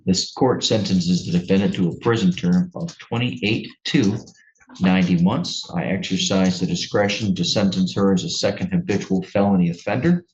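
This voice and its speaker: A man serving as a judge, sentencing a defendant from the bench in a courtroom, blunt and lecturing, with halting restarts. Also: low-pitched, darkish tone, highs cut off, a little hiss or hum.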